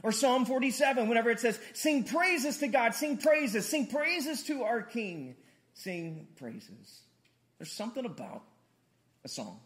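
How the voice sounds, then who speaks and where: Pastor guy preaching, high voice, chatty and lively, jokes with the crowd. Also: a little slow. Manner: lively, conversational, jokes with congregation. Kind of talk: sermon.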